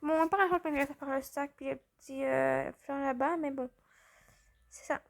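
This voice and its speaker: A woman chatting through gameplay commentary, rambling and excitable, a little tired from just waking up. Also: high-pitched, a little slow. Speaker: gaming channel host.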